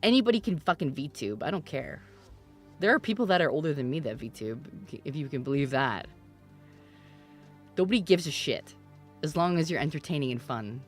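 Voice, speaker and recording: A woman in her thirties hosting a live stream in casual chat. She teases her viewers, laughs often, and breaks into loud mock protests. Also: low-pitched, very animated, normal speed, pauses often, faint music behind. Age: 30s. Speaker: streamer host.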